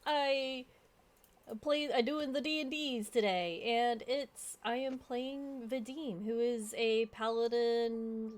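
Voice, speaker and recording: A woman's voice: fairly high pitch, steady tone, slow. A woman streamer chatting casually before a tabletop game, rambling and restarting her words. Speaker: streamer and player. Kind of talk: casual chat.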